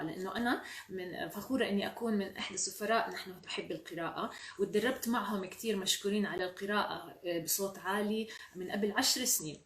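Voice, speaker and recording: A woman with a Levantine Arabic accent hosting a children's storytime, chatty and encouraging. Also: medium pitch. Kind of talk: reading aloud to children. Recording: roomy sound from a distant mic.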